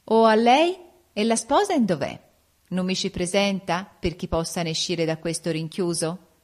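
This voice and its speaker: A woman's voice: fairly low pitch, lively intonation, normal speed, close to an everyday voice. A woman reading the part of a jealous king, raising her voice in accusing outbursts. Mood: questioning. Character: angry jealous king, man.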